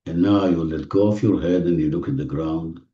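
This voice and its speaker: Leading a guided meditation, this man talks slowly to a listener in a low-sitting voice, using English phrasing that is not native. He repeats soft instructions and pauses on purpose, while the audio comes across muffled, far off, and echoing around the room.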